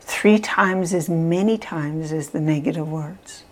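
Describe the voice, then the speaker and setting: A calm woman with a fairly low voice leads a slow guided visualization as a meditation guide. Her delivery is unhurried and measured, with soft phrasing and long pauses.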